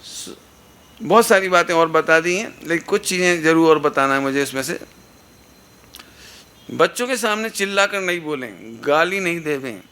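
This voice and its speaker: At a religious gathering in a satsang hall, a middle-aged man preaches over an amplified microphone, earnest and instructive, asking listeners rhetorical questions. His fairly high voice is bright, forceful, and smooth, with lively intonation, a moderate pace, and frequent pauses.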